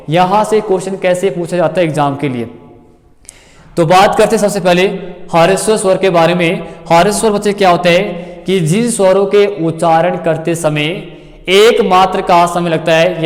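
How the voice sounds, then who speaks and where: A male coaching teacher explains grammar to exam students a fairly high voice. He repeats points, calls his students kids and checks often whether they follow. The recording has a long, lingering reverb.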